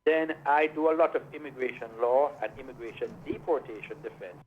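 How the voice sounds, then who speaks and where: Speaking briskly in a mid-range voice, the Jamaican lawyer walks radio listeners through the law step by step. He handles immigration and criminal defense cases, and his phone-line interview comes through dull and lo-fi with a faint hiss.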